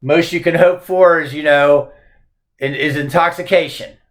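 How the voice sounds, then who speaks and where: A man's voice: fairly high pitch, steady tone, moderate pace. A male teacher lecturing on a poem, posing emphatic rhetorical questions.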